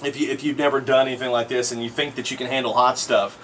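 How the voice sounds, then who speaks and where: A man hosting a live radio show, giving energetic play-by-play commentary in a crowded studio. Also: medium pitch, quick pace, a little hiss or hum. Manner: energetic, excitable narration.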